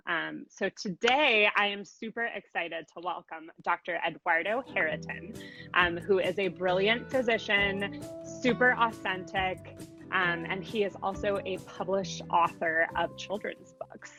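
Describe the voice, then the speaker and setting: A woman's voice: medium pitch, measured pace, over music, poor audio. A woman hosting a video interview series, upbeat, with frequent fillers. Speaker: interview host, company CEO.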